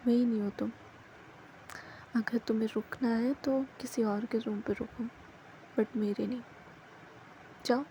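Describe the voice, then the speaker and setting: A woman's voice: a little high, steady tone, a little slow, pauses often, dark tone, slight background noise, low-quality recording. Woman voicing a hurt, subdued young woman. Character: young woman, hurt and withdrawn, pushing her love away.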